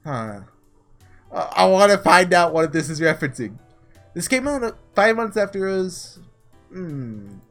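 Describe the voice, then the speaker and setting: A man's high, fairly bright voice carries casual let's-play commentary as he reads through a visual novel, thinking aloud and reading dialogue. He's very animated yet keeps a measured pace, with background music playing.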